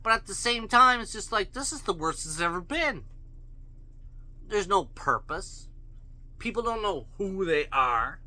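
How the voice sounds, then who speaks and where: A Canadian man vlogs an opinion rant to camera, bluntly addressing his viewers with profanity and plenty of rhetorical questions. His voice sits high and is sing-song, a little slow, with a sharp tone.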